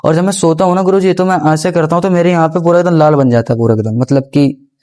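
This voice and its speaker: A young man appearing on a podcast talks fast in a somewhat high, slightly mellow voice, earnestly and respectfully telling a casual first-person story. He tends to ramble, restart, and repeat phrases, often calling the host guruji.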